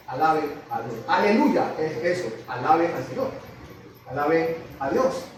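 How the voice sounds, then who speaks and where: A man preaches in a church hall, teaching patiently and putting questions to his listeners. His voice is high. It rings with heavy echo and comes from some distance off the mic, with a faint room hum behind. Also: fairly bright tone. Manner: teaching, asks the congregation questions. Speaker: pastor. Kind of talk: sermon.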